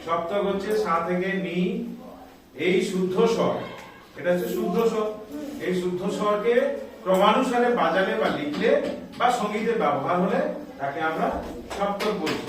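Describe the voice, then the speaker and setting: High-voiced man teaching a music class. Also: normal speed, pauses often, heavy reverb, far from the mic, slight background noise. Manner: explains step by step, calls out scale notes, scolds chatty children. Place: school classroom.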